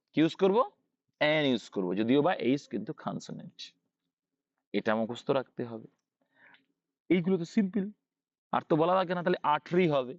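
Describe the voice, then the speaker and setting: This male tutor, an English teacher with a Bangladeshi Bengali accent, speaks on the high side and with a raised voice during an online grammar class. Asking and then answering himself, he keeps returning to the main points. There's no echo, and the sound is dry and flat.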